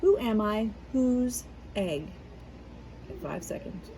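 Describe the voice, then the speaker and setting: A woman's voice: mid-range voice, lively intonation, slow pace, warm tone, a little hiss or hum, low-quality recording. A woman who works as a school media specialist, reading a picture book aloud to children and talking to them in a patient, teacherly way from her back porch outdoors. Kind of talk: children's read-aloud lesson.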